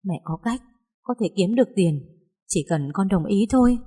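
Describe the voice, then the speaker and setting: A woman's voice: medium pitch, animated, moderate pace, warm tone, husky. A woman voicing a desperate, indebted mother who tearfully pleads with her daughter. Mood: scheming.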